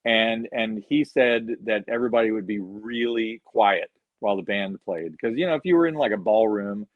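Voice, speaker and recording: Here a guest musician on a video-call interview tells meandering anecdotes, frequently dropping "you know," in a relaxed storytelling mood. He speaks at a moderate pace in a fairly low voice. The recording is dry, slightly dull, and lo-fi.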